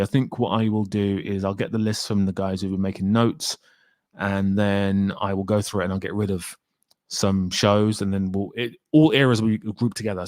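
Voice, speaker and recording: A man's voice: on the low side, dry recording, studio quality. A man hosting a casual live stream, reading viewer comments aloud and energetically urging viewers to hit the like button. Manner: reacting to chat comments one by one. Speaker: livestream host reading viewer chat.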